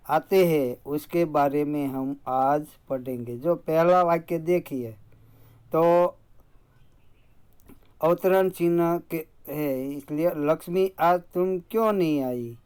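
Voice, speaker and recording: A teacher walks through a grammar lesson at an unhurried pace, stopping to restate points. The voice is smooth and clear, pitched in the middle range. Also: darkish tone. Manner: slow and deliberate, explaining step by step. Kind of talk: slow classroom grammar lesson.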